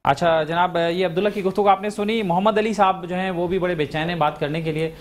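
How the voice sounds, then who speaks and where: A man's voice: sits high, steady tone. Probing male talk show host. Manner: measured, probing questions with frequent "aa" fillers. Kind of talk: TV talk show hosting and interviewing.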